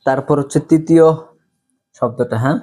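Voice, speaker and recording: A man's voice: mid-range voice, normal speed, warm tone. A man teaching English vocabulary, patiently repeating each word several times for students to copy. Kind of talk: slow vocabulary lesson, repeat-after-me drills.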